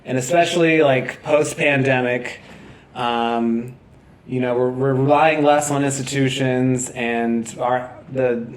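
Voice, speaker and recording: A man hosts a casual podcast at an unhurried pace, in an excited, halting way with frequent fillers and restarts. His voice rings in a noticeably echoey room. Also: medium pitch. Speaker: podcast host.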